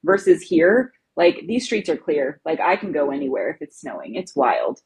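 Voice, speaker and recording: Woman, low voice, husky, chatty, frequent laughs, casual live chat. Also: wildly swooping pitch, normal speed, darkish tone, poor audio. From lives in Ohio. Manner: chatty, laughs often, says "like" a lot. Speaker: educational advocate co-hosting a live stream. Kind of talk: casual chat answering viewer comments.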